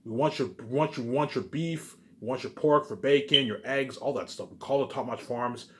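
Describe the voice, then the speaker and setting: A man delivers an informal, rambling monologue about his personal plans, repeating himself, restarting phrases and using emphatic tag words. He has a medium-pitched voice and speaks fairly quickly.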